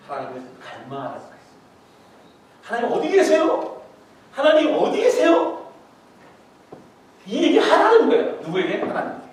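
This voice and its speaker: A middle-aged male pastor preaching a sermon in a lively way, acting out voices and putting questions to his congregation. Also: fairly high pitch, a little hiss or hum. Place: large church sanctuary. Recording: echoey hall, mic far from the speaker.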